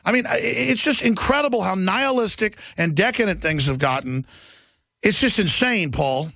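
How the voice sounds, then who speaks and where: A man's voice: animated, moderate pace, vocal fry, pushed and bright, no room sound. A man hosting a talk radio show, ranting in a heated monologue and turning sarcastic, his voice jumping up when he mocks. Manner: ranting, sarcastic, voice jumps high when mocking.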